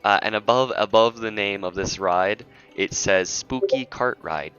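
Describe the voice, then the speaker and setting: A man's voice: fairly low pitch, unhurried, fairly bright tone. A man narrating as game master of a tabletop game, teasing the players and often laughing. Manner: laughing, teasing, self-interrupting. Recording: muffled lo-fi audio, faint music.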